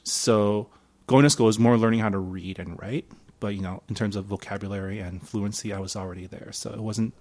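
A young adult man, a native Mandarin speaker, talks in a casual conversation with a relaxed, hesitant delivery full of ums. His voice is fairly low, steady and somewhat dark, and he speaks briskly.

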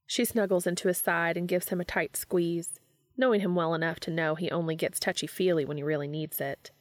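Female storyteller reading fiction aloud, low, gravelly, dry. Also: dry recording. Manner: steady, even narration. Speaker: fanfiction reader.

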